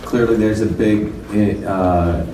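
A man's voice: on the low side, steady tone, slow. A man in his fifties from India, giving a conversational, explanatory conference talk with slides. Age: 50s. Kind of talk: lecture with slides. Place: conference room. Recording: roomy hall, far from mic, faint noise.

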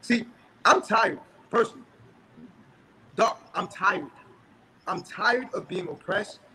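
A young man's high voice comes through a crackling phone connection, with faint hiss under it. He speaks earnestly and builds to forceful emphasis. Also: slow pace. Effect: crackling phone line. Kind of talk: passionate call-in speech.

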